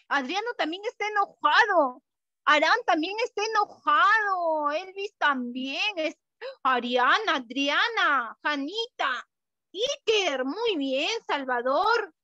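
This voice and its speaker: A woman's voice: extremely high pitch, bright, forceful tone, no room sound, dull audio. A woman teaching an online class to small children, in an exaggerated, affectionate sing-song manner. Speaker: preschool teacher.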